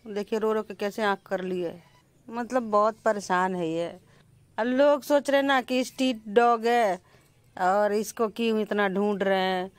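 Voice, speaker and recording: A woman's voice: mid-range voice, a little slow, no echo. Woman coaxing a puppy. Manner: coaxing baby talk to a puppy, sudden sharp scolding calls. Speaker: vlogger. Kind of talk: casual home vlog.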